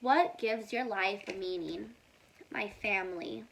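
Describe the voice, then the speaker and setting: A woman's voice: medium pitch, takes it slowly, vocal fry, fairly bright tone, slight background noise, poor audio. A young woman chatting casually through a mukbang Q&A video at home, emotional and full of "like" fillers. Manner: chatty, emotional, says "like" a lot. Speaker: YouTuber. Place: home, indoors.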